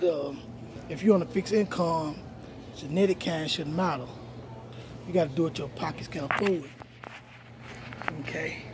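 Middle-aged man, high voice, phone at arm's length, shopping vlog, noisy store around him. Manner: repetitive, pointing out prices to viewers. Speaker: vlogger. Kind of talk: casual shopping walkthrough. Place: large store aisle indoors. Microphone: phone held at arm's length.

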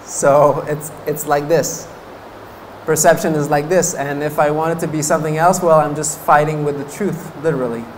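The fairly high voice of a Buddhist monk in his thirties keeps a steady tone at a moderate pace, on a rough recording with slight background noise. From French-speaking Canada and a native French speaker, he gives a chatty dharma talk at a meditation course, laughing often between fillers. He sits before a banner in a meditation hall with a stand mic in front of him, gesturing as he speaks.

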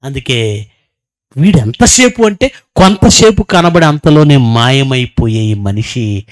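A man preaching a sermon as pastor, swinging between loud exclamations and low murmurs, asking rhetorical questions and imitating animal sounds. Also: animated, measured pace, no room sound.

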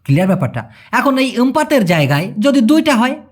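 A man's voice: very high-pitched, big pitch swings, brisk. A man teaching a video language lesson, explaining step by step and often quizzing the viewer.

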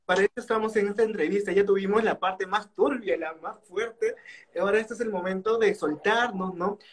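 A man chatting as a guest over a video call, quick and playful, slipping at times into an announcer voice. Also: high-pitched, steady tone, slightly rough. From Peru. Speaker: guest, radio presenter. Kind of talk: casual interview chat.

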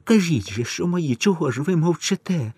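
A man's voice: on the high side, animated, normal speed, darkish tone, husky, dry recording, pitched above the performer's own voice. A man reading a story, voicing a desperate older peasant mother who pleads tearfully for her sons. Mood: pleading.

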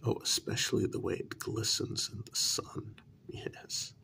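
In a soft-spoken ASMR role-play, a man plays a smooth, flattering talent agent. He uses a breathy, gravelly half-whisper, pausing frequently and soothingly repeating words.

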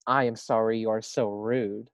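A man's voice: on the low side, steady tone, moderate pace, clean tone, dry recording, lightly acted. A man reading a picture book aloud, voicing a fussy, bossy little male frog who refuses to become a prince.

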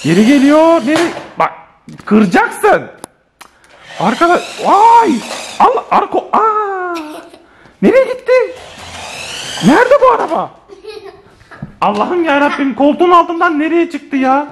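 A man narrating a family vlog at home, excitedly exclaiming and talking to his viewers as friends. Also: very high-pitched, unhurried, long pauses, a little hiss or hum. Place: home living room.

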